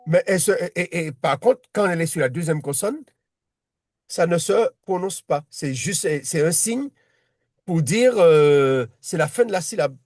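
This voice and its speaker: Guy teaching a student one on one, patient, keeps restarting, pretty high voice. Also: lively intonation, unhurried, a little mellow, no room sound, clean studio sound. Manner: patient, repeats himself, many restarts. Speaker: Hebrew reading teacher. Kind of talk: one-on-one lesson.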